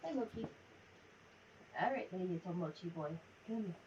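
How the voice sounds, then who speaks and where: Talking over her gameplay on a livestream, this woman rambles warmly and informally into a sensitive headset mic. Her voice is fairly low and a little mellow, with lively intonation at a moderate pace. There's slight hiss or hum, and the lo-fi headset sound is dull.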